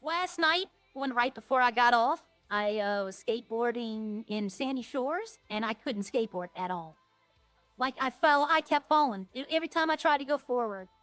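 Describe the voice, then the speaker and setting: A woman with a fairly high voice streams a game, chatting in a loose, informal way. She rambles along as she talks to her viewers. The sound is slightly dry, with music playing underneath. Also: lively intonation, moderate pace, fairly bright tone, dry recording.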